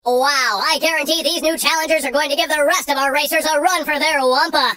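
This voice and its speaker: A man voicing a polished, pompous cartoon rooster race-show anchor with crisp, mock-formal announcer delivery. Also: very high voice, steady tone, fairly quick, bright, forceful tone, dry recording. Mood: brisk. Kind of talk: cartoon sports commentary parody.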